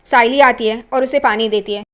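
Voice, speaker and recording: A woman's voice: on the high side, a little fast. A woman narrating an episode recap of a TV serial, adding gossipy asides that judge the characters.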